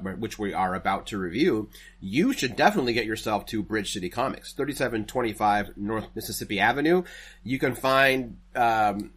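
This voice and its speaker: A man's voice: lowish voice, a bit bright, breathy edge. A man hosting a podcast from home, reading sponsor spots in a rambling, self-correcting way with nerdy asides. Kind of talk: casual chat with sponsor reads. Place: home setup, recording remotely.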